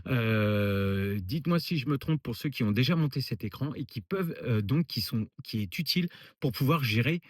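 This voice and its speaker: A man giving a relaxed, casual product demo and review from inside a car, pausing often to find his words. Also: medium pitch, dry recording, clean studio sound. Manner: relaxed, hesitant with frequent filler pauses.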